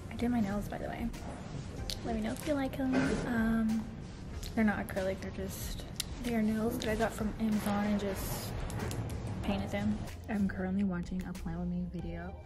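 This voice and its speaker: Young woman, casual chatty vlog, phone at arm's length, soft background music, self-conscious rambling. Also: medium pitch, steady tone, normal speed. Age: young adult. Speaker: vlogger, community college student. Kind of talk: casual day-in-my-life vlog. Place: campus library, then home. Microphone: phone camera at arm's length.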